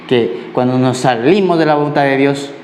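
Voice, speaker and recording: A man's voice: mid-range voice, normal speed, a little mellow, a little hiss or hum. A man preaching a conversational sermon as a pastor, often checking in with the congregation. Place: church. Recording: echoey church hall, faint ambience.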